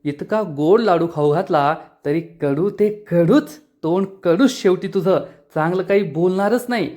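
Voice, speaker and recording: A man's voice: sits high, measured pace, a little mellow. A man voicing a proud, boastful older village man who mocks and orders a relative around. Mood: bossy. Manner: mocking, bossy.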